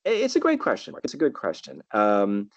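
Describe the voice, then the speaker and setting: A middle-aged tour guide with a Canadian accent tells stories as a guest on a casual podcast, thoughtful in tone and often repeating a word as he begins. His lowish voice swoops wildly in pitch at a brisk pace, and the recording is muffled but free of echo.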